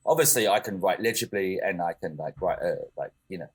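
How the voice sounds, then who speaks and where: A podcast co-host with a low, husky voice speaks a little fast in casual conversation. He sounds hesitant, using many fillers and correcting himself often.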